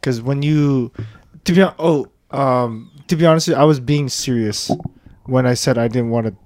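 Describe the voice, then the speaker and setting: A man's voice: mid-range voice, moderate pace, darkish tone, slight background noise. A man in his twenties hosting a casual podcast chat, rambling with lots of fillers and restarts. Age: 20s. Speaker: podcast host.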